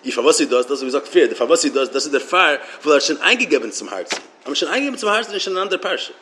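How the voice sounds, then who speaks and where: A man giving a Torah lecture as a religious teacher, halting and often repeating words as he restarts his sentences. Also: a little high, big pitch swings, bright, forceful tone, a little hiss or hum.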